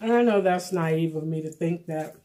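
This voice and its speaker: A middle-aged woman giving casual, plainspoken vlog commentary while eating, pausing for bites and repeating phrases for emphasis. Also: low-pitched, mellow. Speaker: vlogger. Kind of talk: casual mukbang commentary chat.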